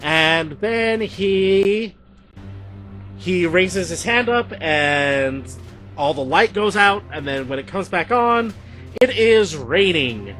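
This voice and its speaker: Bright-voiced male game master. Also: high-pitched, lively intonation, slow pace, soft background music. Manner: playful, laughs often. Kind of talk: narrating a tabletop game.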